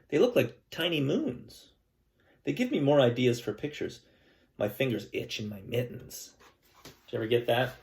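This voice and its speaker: In a medium-pitched voice, a man who teaches elementary school reads a picture book aloud to his pupils. He tells the story gently and calmly and chats with the kids between passages.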